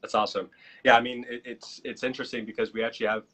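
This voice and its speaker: An American man hosts a live online show, reading upbeat plugs and then introducing his guest. He fills his pauses with uhs and ums. His voice sits at an ordinary pitch for a man. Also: flat delivery, sharp tone. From United States. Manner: upbeat, with promo plugs and fillers. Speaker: host.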